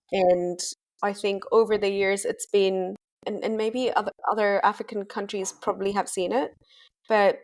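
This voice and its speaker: A young woman from Tanzania, a guest in an interview, speaking in a casual conversational way with lots of "like" and "kind of". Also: medium pitch. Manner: conversational, frequent fillers like "like" and "kind of". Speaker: guest, women's rights advocate.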